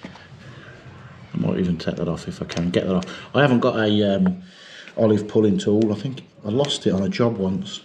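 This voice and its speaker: A man's voice: on the low side, normal speed, a little mellow, slight background noise. A man, a plumber chatting and explaining as he works, a little self-mocking. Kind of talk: work vlog narration. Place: living room in a house, indoors.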